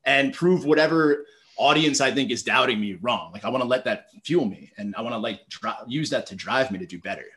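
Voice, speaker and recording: A man in his thirties telling stories as a podcast guest, lively and conversational, acting out his own thoughts with lots of "like". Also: medium pitch, fairly quick. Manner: animated, storytelling, acts out quoted thoughts, heavy use of "like". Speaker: podcast guest, public speaking teacher. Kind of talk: casual conversational interview.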